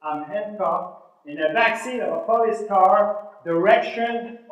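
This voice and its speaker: A high-pitched, unhurried man with a French-Canadian accent, native in French, delivers a motivational keynote before a live audience in a large room. He tells stories with animation, acting out the dialogue. The sound is very echoey, and the highs are cut off.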